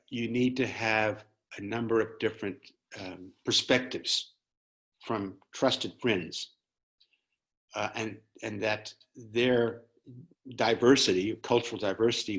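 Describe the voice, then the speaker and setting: Man, gravelly voice, low pitch, webinar presenter from Zimbabwe, hesitant with restarts, video call. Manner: hesitant, many restarts and fillers. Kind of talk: answering audience questions in a webinar.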